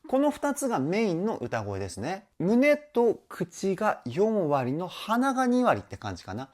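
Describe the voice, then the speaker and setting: A woman's voice: medium pitch, huge pitch swings, measured pace, a little mellow. A woman working as a vocal trainer gives an enthusiastic commentary analyzing a song and breaks in with short sung demonstrations.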